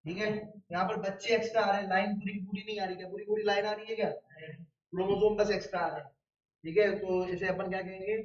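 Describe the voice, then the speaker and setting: This biology teacher talks fast in a level tone, his high voice echoing through a roomy space and picked up distantly in a dull recording. He keeps the lecture casual, quizzing his class and supplying the answers himself through everyday examples.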